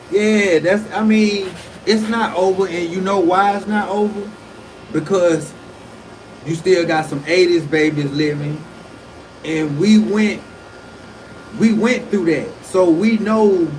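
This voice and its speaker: A man's voice: fairly high pitch, a little mellow, slight background noise, rough recording. A man in his forties hosting a casual livestream, talking loosely with profane slang and frequent restarts. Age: 40s. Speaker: livestream host.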